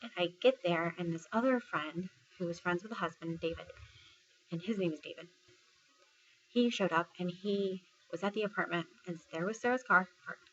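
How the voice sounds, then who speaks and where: In a relaxed vlog, a female service member from Texas tells a personal story, packing it with fillers and quoting other people. Her voice sits fairly low and moves at a moderate pace. There's dull audio and a little hiss or hum in the background.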